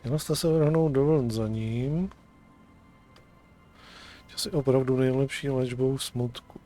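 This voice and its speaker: A man's voice: mid-range voice, a little slow, mellow, soft background music. A man streaming a video game, reading dialogue choices aloud with casual commentary.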